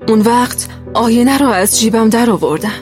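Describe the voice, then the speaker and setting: A woman narrating a first-person children's story in a gentle, steady way. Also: a little high, faint music behind.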